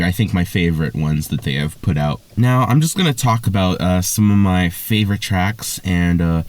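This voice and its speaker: Man, casual music review, somewhat low voice, eager and gushing, lots of fillers and restarts. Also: darkish tone, no echo. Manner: enthusiastic, gushing praise with many fillers and restarts. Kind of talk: casual spoken album review.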